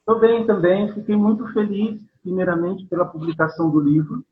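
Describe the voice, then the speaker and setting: A poet from São Paulo, Brazil, is interviewed casually over a video call, speaking Brazilian Portuguese with a Paulistano accent. His fairly high voice comes through a tinny, phone-like line, and he talks hesitantly, with lots of fillers and tag questions, in a relaxed, unscripted chat.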